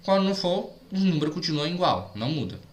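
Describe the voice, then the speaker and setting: A man's voice: on the high side, very animated, quick pace. A man teaching English as a recorded online lesson, explaining step by step, repeating each example and often checking that the listener follows.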